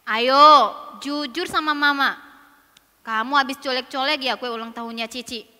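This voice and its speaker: A woman's voice: high-pitched, steady tone, moderate pace, bright, forceful tone, long reverb tail. A woman voicing a firm, caring mother who questions her children patiently.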